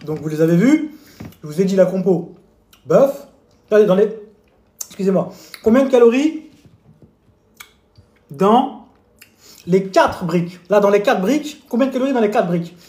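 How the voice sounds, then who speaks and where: A man's voice: sits high, expressive, moderate pace, long pauses, dark tone. Chatty man on a live stream, echoey. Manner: chatty, teasing, mock-lessons, talks with mouth full. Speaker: fitness coach streaming live. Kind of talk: casual live-stream chat while eating.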